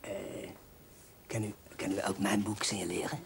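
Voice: deep voice, level tone, normal speed, gravelly, a little hiss or hum. A performer playing a pushy, overfamiliar book fan in a film comedy sketch, nudging with constant asides and sly whispers. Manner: insistent, keeps nudging with "hè?" and drops into sly whispers.

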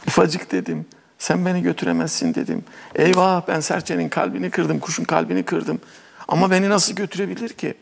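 A man's voice: sits high, lively intonation, brisk, vocal fry, husky, voice pushed up, exaggerated voice. A man voicing a dreamy young village girl in a told fairy tale, fretting that she hurt a bird's feelings. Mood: remorseful. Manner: fretful self-reproach.

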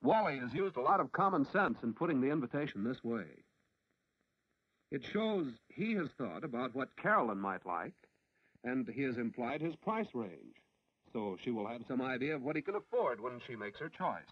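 A man's voice: mid-range voice, very animated, moderate pace, slightly rough, no echo. An American man narrating a 1940s instructional film like a newsreel narrator, in an instructive, approving way. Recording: dull, lo-fi 1940s film soundtrack.

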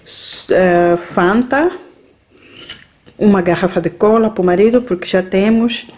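Slow-talking woman showing her groceries. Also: medium pitch, darkish tone. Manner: unhurried, listing items with frequent "tá?" and "né?" tags. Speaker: vlogger. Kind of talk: grocery haul vlog. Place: home kitchen, indoors.

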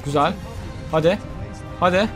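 A young man commentating his own football video game as he plays, excitable, shouting and groaning at every play. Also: a little high, a little slow. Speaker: gaming YouTuber. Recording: faint game music behind.

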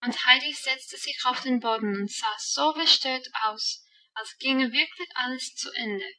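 Bright-voiced woman narrating calmly. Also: sits high, measured pace, recorded from a distance, poor audio. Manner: calm, even storytelling. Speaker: audiobook narrator. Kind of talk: scripted narration.

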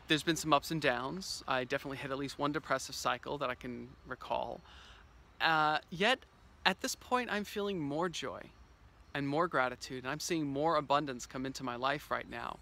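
A man in his thirties giving an earnest, reflective vlog monologue outdoors on a wooded trail, filmed with a camera held at arm's length. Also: mid-range voice. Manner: earnest and expressive, with dramatic pauses. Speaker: vlogger.

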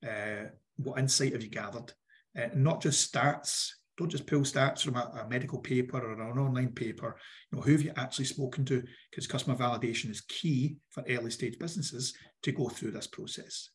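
A man presents a workshop on funding applications, his voice croaky and he clears his throat now and then. His pitch sits in the middle range for a man. He speaks in a direct, instructive way and keeps coming back to the key points. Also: normal speed.

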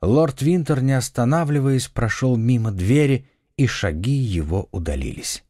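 A man narrating an adventure novel audiobook with an expressive, dramatic reading. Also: mid-range voice, moderate pace, no room sound, studio quality. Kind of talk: scripted narration.

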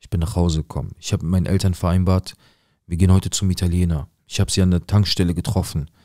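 A man narrating a dramatic first-person story, mostly low and hushed, with agitated quoted outbursts. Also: flat delivery, fast, no room sound, clean studio sound. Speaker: storyteller recounting a viewer's story.

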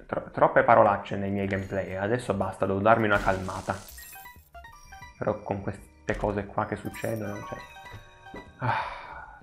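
A man hosting a gaming channel, giving excitable let's play commentary, swearing and pleading with the enemies on screen. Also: fairly low pitch, measured pace, pauses often, soft background music.

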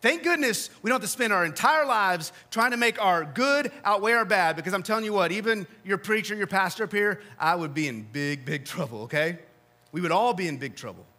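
Bright-voiced man preaching a sermon. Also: lively intonation, brisk. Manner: earnest preaching, drops soft and low for emphasis. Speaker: pastor. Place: church sanctuary.

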